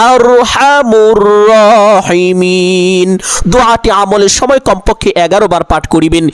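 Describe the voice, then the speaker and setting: A man giving scripted religious instruction in an earnest, measured way, chanting the prayer phrases slowly and drawn-out. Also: sits high, no echo. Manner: measured, earnest preaching delivery. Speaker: religious teacher.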